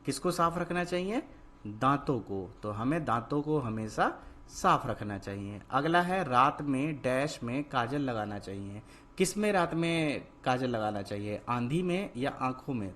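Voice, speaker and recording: A man's voice: mid-range voice, fairly bright tone. A man teaching a Hindi worksheet lesson, asking patient repeated questions and answering each word himself. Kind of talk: worksheet lesson, call and response.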